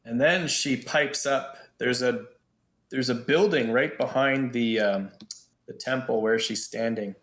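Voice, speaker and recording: A man narrating as game master, telling the scene slowly and voicing the townsfolk. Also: medium pitch, a bit bright, echoey room. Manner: slow, storytelling narration with voiced townsfolk.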